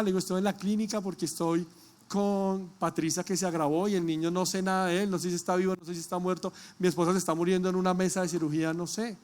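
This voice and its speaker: A male pastor preaching a sermon, telling a personal testimony with emotion and rising to loud calls to the congregation. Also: high-pitched.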